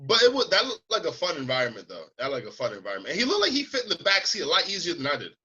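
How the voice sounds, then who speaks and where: A young man, co-hosting a podcast in casual chat, animated and quick to laugh while telling stories. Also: fairly high pitch, husky, highs cut off. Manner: animated, laughs often, acts out voices in anecdotes. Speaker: podcast co-host.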